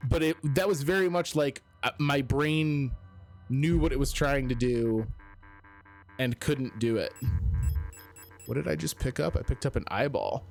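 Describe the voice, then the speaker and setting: A man's voice: on the high side, vocal fry. A man giving casual video game commentary as a streamer, thinking aloud in a musing, self-questioning way.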